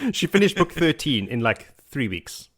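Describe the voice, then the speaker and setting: A man's voice: on the high side, very animated, a little slow, fairly bright tone. Playful man with a wildly swooping voice. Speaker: podcast co-host. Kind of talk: casual podcast chat.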